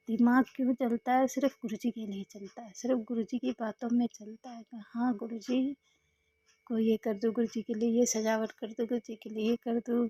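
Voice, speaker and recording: A woman gives a fervent devotional testimony about a satsang experience, often repeating herself and speaking directly to listeners. Her fairly high voice is warm and husky, with no room sound.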